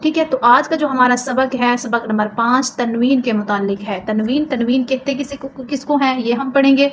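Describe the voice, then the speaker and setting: A woman teacher giving a recitation lesson, drawing out syllables slowly when she spells and speeding up when she explains. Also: high voice, a little hiss or hum, rough recording. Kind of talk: step-by-step spoken lesson.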